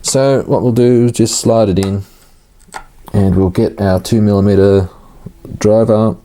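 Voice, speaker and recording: A man giving a casual, hands-on tutorial, informal and halting as he thinks aloud while working. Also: lowish voice, steady tone, warm tone. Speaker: hobbyist host of an RC car build series.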